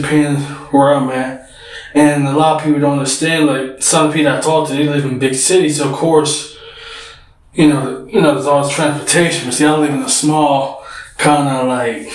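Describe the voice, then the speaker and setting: A man who is out of breath, talking casually to his viewers in a rambling way, often saying "you know what I'm saying". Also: fairly high pitch. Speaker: vlogger. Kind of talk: casual talk to camera. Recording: roomy sound, mic at a distance, faint noise.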